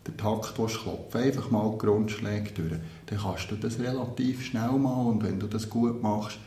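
Low, mellow man, thoughtful. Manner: earnest, thoughtful, with hesitations. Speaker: percussion teacher. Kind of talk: interview answers. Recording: roomy echo.

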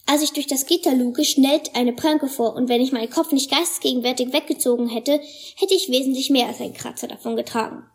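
Female storybook narrator, high voice, animated character reading. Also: a little fast.

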